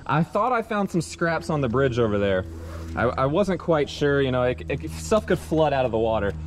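A man vlogging from a bridge over a swamp on a head-mounted camera, chatting excitedly with viewers he calls y'all. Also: medium pitch, normal speed. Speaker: magnet fishing vlogger. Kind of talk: casual outdoor vlog commentary. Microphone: head-mounted action camera. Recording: faint outdoor noise.

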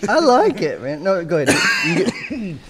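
A man's voice: sits high, huge pitch swings, a little fast, noisy background. A man co-hosting a casual podcast, teasing the others with dry jokes. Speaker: podcast co-host.

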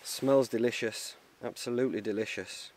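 A man's voice: mid-range voice, moderate pace, a little mellow. A man in his thirties with a Northern English accent, chatting casually for a camping vlog and muttering asides as he works outdoors. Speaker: wild camping vlogger. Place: outdoors in woods by a ruined brick building.

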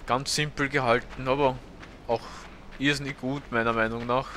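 An Austrian man in his thirties hosts a casual let's play, commentating a video game in a hesitant way full of fillers. His medium-pitched voice stays fairly even at normal speed, with a fairly bright tone and a bit of hiss or hum.

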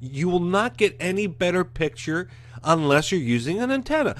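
A man's voice: high-pitched, sing-song, moderate pace, a bit bright. Emphatic man ranting at home. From Canada. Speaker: host. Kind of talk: casual rant to camera. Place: living room at home. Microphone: studio mic in front of webcam.

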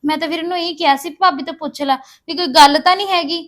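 An actress playing a young sister-in-law who pleads and defends herself. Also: female voice, very high voice, steady tone, quick pace, a bit bright. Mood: pleading.

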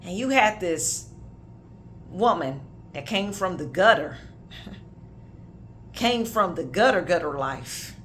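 Woman minister, thirties, emphatic prophetic preaching to camera, faint low rumble behind. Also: a bit bright. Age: 30s. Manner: emphatic preaching with casual asides.

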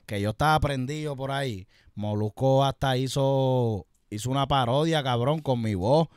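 Swearing Puerto Rican rapper guest. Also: male voice, mid-range voice, normal speed, clean tone, no room sound, studio quality. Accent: Puerto Rican Spanish. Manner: rambling, swears a lot, restarts. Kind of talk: casual chat.

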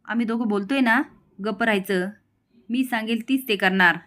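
A woman's voice: fairly high pitch, normal speed, fairly bright tone, natural voice. A woman voicing a controlling, hot-tempered elder brother who lectures and orders. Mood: bossy, angry. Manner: bossy, lecturing.

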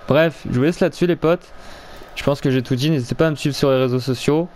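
Speaking quickly in a slightly mellow, mid-range voice, a young gaming video creator chats casually as he plays. He rambles, stumbles over words and drops crude slang and the occasional swear. The audio carries a little hiss or hum.

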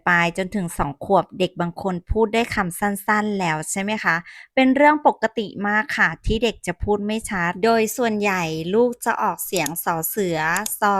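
A woman giving gentle, reassuring parenting advice in a calm, polite teaching manner. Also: medium pitch, a little hiss or hum. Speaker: parenting homeschool educator. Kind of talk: parenting advice talk to camera.

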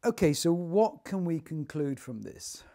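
Speaking into a lapel mic in a spacious attic listening room, a sixty-something loudspeaker company technical director presents a casual demo. His high-ish, mellow voice is very animated and a little slow, and he plays to the viewer like a showman.

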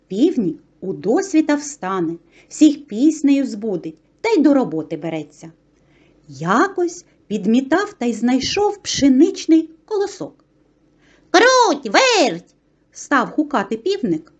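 High, lively woman reading a fairy tale. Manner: sing-song, expressive reading. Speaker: storyteller.

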